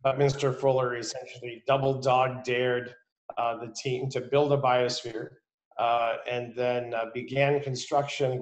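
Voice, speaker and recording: A middle-aged man explaining things in a casual panel discussion over a video call, with fillers and restarts. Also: medium pitch. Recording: echoey room on a video call.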